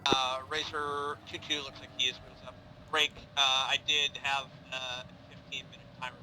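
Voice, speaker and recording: A man playing a helicopter pilot in a military game, making halting, procedural radio calls. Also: medium pitch, flat delivery. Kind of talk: military radio chatter, gaming. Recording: noisy, vehicle sound behind.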